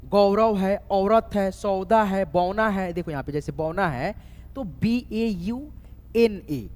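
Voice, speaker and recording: Man slowly spelling words aloud, echoey room. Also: sits high, darkish tone, smooth. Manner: slowly spells words letter by letter, keeps checking "okay?". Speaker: online English tutor. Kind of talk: chalkboard spelling lesson. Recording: echoey room with long reverb.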